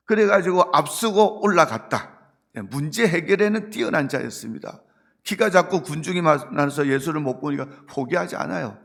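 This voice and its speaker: Male pastor, sermon delivery, gravelly, slightly high-pitched, earnest and emphatic. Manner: earnest preaching, quoting Jesus gently, building to emphatic points.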